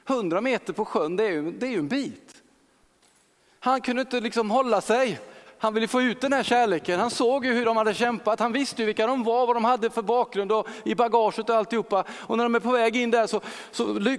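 An earnest male preacher working through a Bible passage, stacking repeated phrases and everyday fillers. His voice sits fairly high, and the words ring out with a long reverb tail, as if spoken in a church hall.

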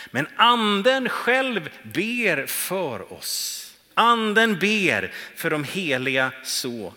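Male preacher, animated delivery full of rhetorical questions, high-pitched and lively, reverberant hall. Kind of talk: sermon.

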